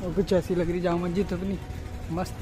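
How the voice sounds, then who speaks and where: A man's voice: high-pitched, level tone, brisk. A young man talking casually to viewers as he walks through busy city streets and markets, filming himself on a phone held at arm's length. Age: young adult. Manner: chatty, addresses viewers directly. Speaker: vlogger. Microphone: handheld phone camera at arm's length. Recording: loud music and crowd noise behind. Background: loud music, crowd and traffic.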